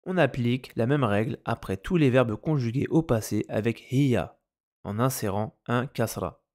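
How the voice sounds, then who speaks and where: A man teaching a lesson, speaking slowly and deliberately and repeating each example word. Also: medium pitch, a little mellow. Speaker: Arabic language teacher. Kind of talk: explaining Arabic grammar in French.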